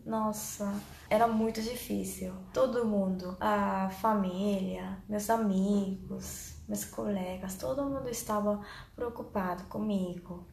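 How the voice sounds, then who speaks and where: Slow-talking young Korean-accented woman. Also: mid-range voice, steady tone, gravelly, a little mellow. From South Korea. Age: young adult. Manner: simple, careful second-language phrasing. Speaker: vlogger. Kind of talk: casual storytelling to camera. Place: small bare indoor room. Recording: roomy echo, faint background noise.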